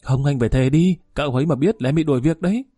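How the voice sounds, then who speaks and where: A man's voice: fairly high pitch, racing, warm tone, slightly rough, no echo, studio quality, pitched above the performer's own voice. A man voicing an eager, anxious young male bank security guard who pleads in a jumpy way.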